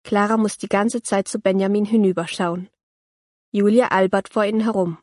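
A woman reads a children's story aloud in a calm, clear manner, her voice sitting at an ordinary middle pitch. The recording is dry and close, with no room sound around her. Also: normal speed, dry recording. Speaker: narrator. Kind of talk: children's audiobook reading.

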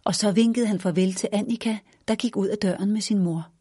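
A woman narrating a children's storybook in a gentle, even read-aloud manner. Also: medium pitch, breathy edge, no room sound, studio quality.

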